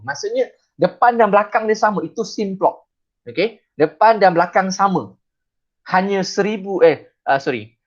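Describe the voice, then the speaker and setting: A male teacher with a Malaysian Malay accent, giving a chatty classroom lesson and reciting sample verse lines slowly. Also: a little high, muffled recording.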